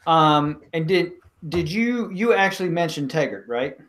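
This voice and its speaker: A man's voice: fairly high pitch, expressive, measured pace, fairly bright tone. A man narrating as game master in a tabletop game, hesitant and restarting often.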